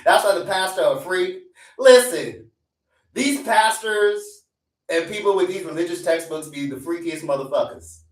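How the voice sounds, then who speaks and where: Sounding distant in an echoey room, a twenty-something streamer launches into a casual, profane rant, saying lines over for emphasis. He talks at normal speed in a high, expressive voice.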